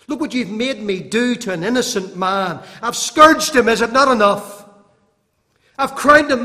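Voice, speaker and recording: A man preaching plays an exasperated Roman governor who shouts and pleads with a crowd, heard with long hall reverb. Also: fairly high pitch, lightly acted.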